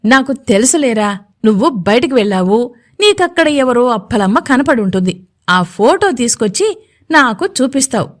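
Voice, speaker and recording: Teasing young ceo guy in a romance audio story, a woman doing the voice, lively swoopy delivery. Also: a little high, normal speed. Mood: irritated. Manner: playful, teasing.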